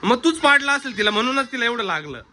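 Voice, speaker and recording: A man's voice: extremely high pitch, big pitch swings, fast talker, bright, forceful tone. A man chatting in a casual family vlog, often exclaiming, questioning children and turning to tell his viewers what happened. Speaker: vlogger. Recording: noisy background with ambient sound.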